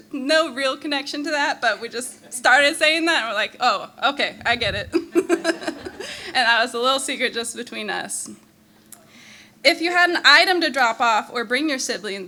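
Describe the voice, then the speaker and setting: Bright-voiced woman giving a fond eulogy. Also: on the high side. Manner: fond and humorous, laughing between lines. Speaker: eulogist, younger sister. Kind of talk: prepared memorial speech.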